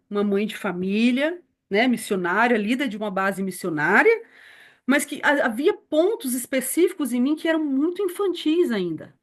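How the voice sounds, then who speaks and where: A woman in her forties, a missionary teacher sharing a personal testimony in an earnest storytelling manner. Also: fairly high pitch. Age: 40s. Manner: earnest, storytelling, addresses listeners as beloved. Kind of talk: personal testimony in a church lesson.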